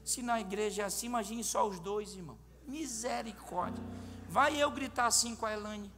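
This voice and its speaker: Animated male preacher in a ringing church. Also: high-pitched, fast talker. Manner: animated, comic storytelling. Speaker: pastor. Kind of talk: storytelling sermon. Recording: long church reverb, faint music.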